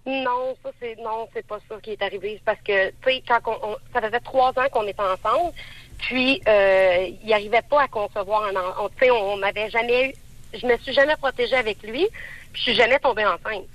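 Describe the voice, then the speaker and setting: A woman in her thirties with a Québécois French accent, calling a radio show and talking haltingly. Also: a little high, a bit bright, no echo, low-quality recording. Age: 30s. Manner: hesitant, halting, many fillers. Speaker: caller. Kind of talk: call-in radio conversation.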